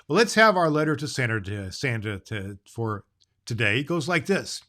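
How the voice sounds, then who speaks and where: A man's voice: mid-range voice, sing-song, bright, forceful tone. A man playing a jolly, grandfatherly old Santa Claus, hosting a children's show in a folksy, emphatic way. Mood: cheerful, informative. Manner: folksy, emphatic, drawn-out phrases with hearty ho-ho-hos. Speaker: show host.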